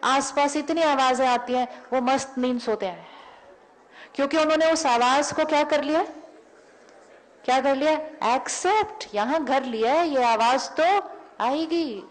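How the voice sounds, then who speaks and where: A woman's voice: sits high, unhurried. A woman giving a public spiritual lecture, telling everyday stories and acting out both sides of the dialogue, often repeating key words. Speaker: spiritual teacher. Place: lecture hall before an audience.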